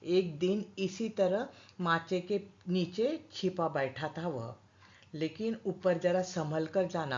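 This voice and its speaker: A woman reads a story aloud in a calm, measured way. Her voice sits a little low and she takes her time. The recording sounds slightly dull and lo-fi. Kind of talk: scripted story narration.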